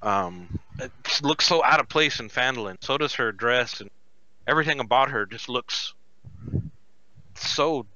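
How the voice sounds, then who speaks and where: A man running a tabletop game as game master, describing scenes in an unhurried way with many fillers. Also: mid-range voice, animated, pushed and bright, no room sound, dull audio.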